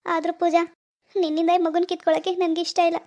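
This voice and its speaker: A woman voicing a childless, deeply grateful elder sister in an animated cartoon, speaking in an in an earnest, pleading way. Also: fast talker.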